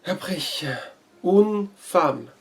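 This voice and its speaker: His voice sits high and sounds gravelly, animated, with words drawn out. The man chats casually in a vlog about learning Portuguese, playful and mock-boastful, repeating foreign phrases as he practices them.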